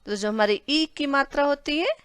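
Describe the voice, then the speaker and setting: A woman teaching children, sounding out each letter and word very slowly. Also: high-pitched, a bit bright, no echo. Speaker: Hindi teacher. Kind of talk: classroom lesson for children.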